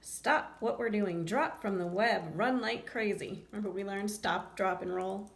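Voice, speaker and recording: A woman with a medium-pitched voice and some vocal fry reads a kids' picture book a little slowly. Her storytelling is expressive, with acted-out lines and chatty asides to her young listeners. The recording sounds roomy and carries faint background noise.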